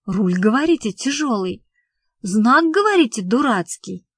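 A woman voicing a mustached male traffic cop who talks in a mock-gentle, sarcastic way. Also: high-pitched, very animated, a little slow, breathy edge, no room sound, studio quality, heavily acted.

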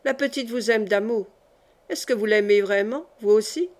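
A woman's voice: fairly high pitch, normal speed, lightly acted. A woman reading aloud as a stout, blunt middle-aged shopkeeper who speaks plainly and directly, in an audiobook. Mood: businesslike.

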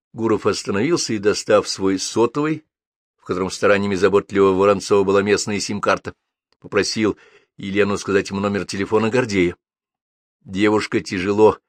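Male audiobook narrator, low voice, dry close sound, even steady reading. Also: dry recording. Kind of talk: scripted narration of a police detective novel.

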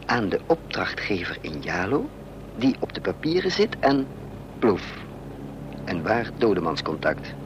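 Using a full character voice that is fairly low, slightly slow, and wildly swooping in pitch, an actor portrays the protagonist and narrator of a Dutch radio play. He's an anxious, scheming adventurer, muttering and hesitating through his thoughts in a brooding, urgent mood, and the noisy old recording sounds dull with a vehicle drone.

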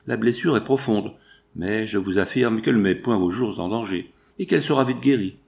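A man reading a calm reassuring doctor. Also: on the low side, brisk, gravelly.

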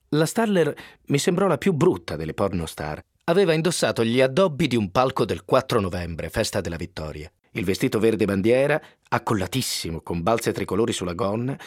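A man reading a book aloud on the radio in an expressive, wry storytelling manner, close to a studio microphone. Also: mid-range voice, dry recording. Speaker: radio reader.

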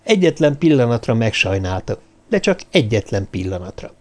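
Measured male audiobook narrator. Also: mid-range voice, sing-song. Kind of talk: scripted narration.

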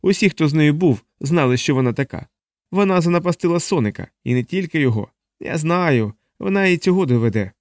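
A high, squealing voice of a plump, terrified man, as the reader puts him on, rambling and frantic, leaping far above the narrator's usual pitch. The audiobook recording is dry and close, with no room sound. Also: expressive, fairly quick, a little mellow, no echo. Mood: furious shriek. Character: frightened plump man shrieking in panic. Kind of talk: audiobook character voice.

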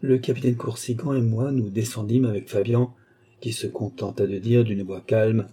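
A man narrating a classic novel in a measured, even storytelling delivery. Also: lowish voice, slightly rough. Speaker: audiobook narrator. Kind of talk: scripted literary narration.

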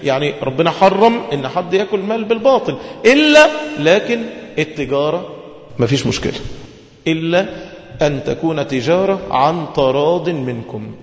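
A man's voice: on the high side, sing-song, normal speed. A man with an Egyptian Arabic accent preaching a religious lesson, posing questions to his listeners and answering them himself. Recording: echoey hall, dull lo-fi sound.

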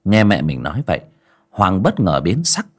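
Brief: husky male narrator, dramatic, very lively pitch. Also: normal speed. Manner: expressive, dramatic. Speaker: storyteller. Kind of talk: dramatic audio story narration.

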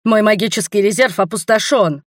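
A whiny, cowardly young noble who squeaks his excuses in a raised, petulant voice, as a woman reads him. The recording is dry and close. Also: moderate pace, no echo, lightly acted. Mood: panicky. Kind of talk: audiobook character reading.

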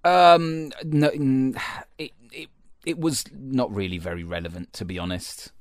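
A man's voice: mid-range voice, unhurried, no echo. A man co-hosting a casual chat, wry and a little hesitant, with frequent fillers. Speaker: podcast co-host.

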